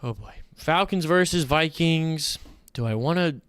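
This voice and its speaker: A man hosting a casual fantasy football stream, chatty and animated, rambling with playful asides. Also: on the high side, unhurried, clean tone. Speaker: fantasy football show host. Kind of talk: casual livestream commentary.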